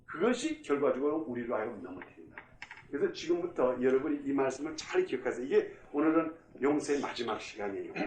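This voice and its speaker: A pastor teaching a Bible class in an echoey room, his voice pitched a little high. He is emphatic, drives his points home by repeating them, and puts questions to his listeners. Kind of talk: Bible study lecture.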